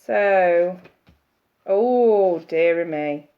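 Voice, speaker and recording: The muffled, hissy recording captures a tarot reader with a lowish voice who draws out her words. She's congested from hay fever, chatty, and greets her live-stream viewers by name.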